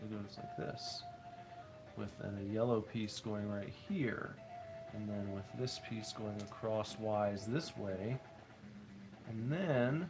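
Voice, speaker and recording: A man in his thirties, stuffed up with a head cold, streams himself building toys and rambles playfully through casual play-by-play. His voice sits fairly low and he takes it slowly, over background music in a low-quality recording.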